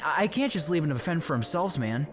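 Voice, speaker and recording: A man's voice: fairly high pitch, animated, quick pace, over music, natural voice. Man voicing a slangy anime gamer buddy. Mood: apologetic, reassuring. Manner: slangy, stammering, casual delivery. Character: loyal, laid-back young male gamer buddy. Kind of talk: anime fan dub voice acting.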